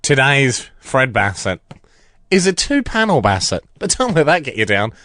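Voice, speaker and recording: A young man co-hosting a radio comedy show, reading a comic strip with mock-dramatic flair. His pitch leaps around as he talks. He drops in put-on voices for the quotes. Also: big pitch swings, moderate pace, bright, forceful tone, no echo, clean studio sound. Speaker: radio co-host.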